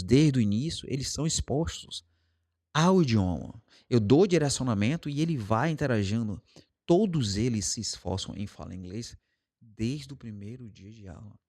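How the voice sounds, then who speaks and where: A Brazilian English teacher, his voice medium-pitched and a little mellow, chats casually to camera about how he teaches. He illustrates with everyday examples and acted quotes, varying his speed.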